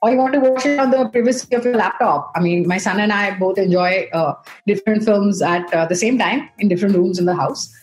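A woman's voice: mid-range voice, fairly quick, a little mellow, soft background music, poor audio. A middle-aged woman with an Indian accent speaking conversationally on a panel, explaining at length and checking in with short tag questions. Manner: rambling, explanatory, checks in with "right?" and "you know". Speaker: streaming executive on a panel.

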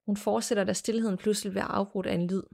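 Woman, podcast host, reading a listener's ghost story aloud, measured plain delivery, mid pitch. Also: fairly even intonation, gravelly, darkish tone.

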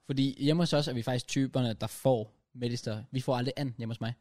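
A man's voice: medium pitch, fairly even intonation, a little mellow. A young man with a Funen Danish accent, co-hosting a podcast in casual, playful chat full of slang. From Funen, Denmark. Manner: playful, slangy, laughs often. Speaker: podcast co-host.

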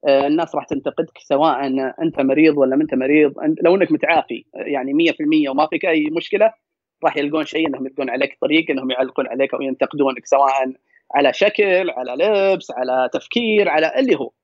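A Saudi man speaks in a quick, husky rush, piling up repeated words to drive home his advice. His voice sits a bit high for a man. The recording is dry and slightly dull. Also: dry recording. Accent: Saudi Gulf Arabic. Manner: fast, emphatic, repeats words for stress. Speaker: podcast guest. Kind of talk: casual storytelling and advice.

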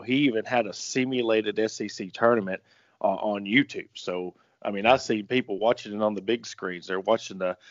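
A man talking sports casually as a commentator, in a rambling, folksy way. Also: lowish voice. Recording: roomy, echoing, muffled audio.

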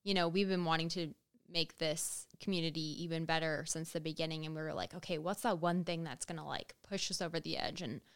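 A woman's voice: low-pitched, steady tone, a little fast, clean tone. A woman co-hosting a podcast in a chatty, teasing way. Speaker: podcast co-host. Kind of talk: casual chat.

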